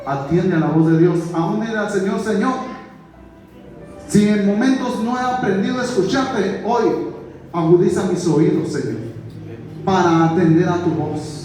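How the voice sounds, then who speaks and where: High-voiced preacher in an echoey church. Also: male voice, darkish tone. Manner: preaching, repeatedly addressing "mi hermano"; slows down for emphasis on scripture quotes. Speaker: pastor. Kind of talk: sermon. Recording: very echoey church hall, distant mic.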